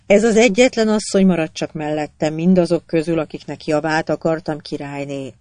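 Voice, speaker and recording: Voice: mid-range voice, steady tone, a little mellow, dry recording, close to an everyday voice. Bitter, distracted young woman as a narrator reads her, dry close sound. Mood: weary. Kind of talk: audiobook character voice.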